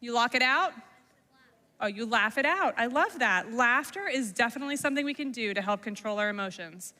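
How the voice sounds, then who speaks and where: A woman with a high, bright voice leads a middle school lesson, pausing often to ask the students questions. Her voice rings out with a long reverb, as in a school hall. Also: lively intonation. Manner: engaging, asks the class questions. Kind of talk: classroom talk to middle schoolers.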